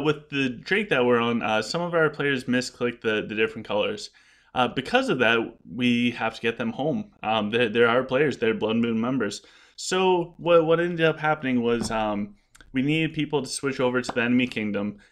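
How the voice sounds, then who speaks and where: Man, medium pitch, casual gaming vlogger, unscripted, earnest, halting delivery with repeated words. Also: fairly bright tone. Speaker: gaming content creator addressing viewers. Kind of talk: casual unscripted vlog talk.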